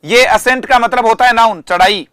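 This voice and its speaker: A man teaching English vocabulary in an online class, explaining in Hindi and reading English example sentences slowly with stress, often asking the students questions and answering them himself. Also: very high-pitched, fairly bright tone, smooth, no room sound. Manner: addresses students directly, asks and answers himself.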